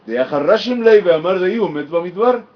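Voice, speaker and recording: A man teaching a Torah lesson in a voice that sits a little high for a man. He explains patiently and stresses words with feeling, sometimes chanting Hebrew phrases. The recording is dull and muffled. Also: expressive, moderate pace.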